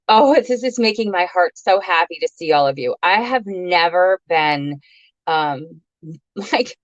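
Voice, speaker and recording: A woman with a low voice hosts a live beauty webinar from home, chatting nervously and gushing, her words full of fillers and restarts. The webcam audio sounds dry and a little dull. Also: dry recording. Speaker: brow artist hosting a live webinar. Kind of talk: casual live-stream chat. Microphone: webcam or laptop mic on a video call.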